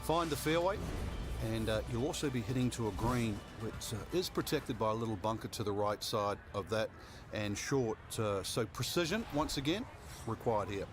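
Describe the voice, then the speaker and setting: A man's voice: on the low side, expressive, normal speed, music in the background, natural voice. A man giving golf commentary as an analyst, explaining the course.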